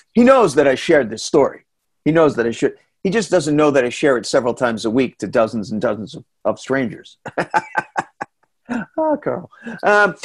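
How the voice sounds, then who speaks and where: A middle-aged man with a New England accent tells travel stories in a relaxed slide talk. His voice sits a little high and swings widely in pitch as he jokes at his own expense. He talks through a webcam on a video call, with plenty of ums and uhs. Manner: animated, chatty, self-deprecating humor with many fillers. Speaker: tour guide and storyteller giving a slide talk. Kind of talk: casual storytelling presentation.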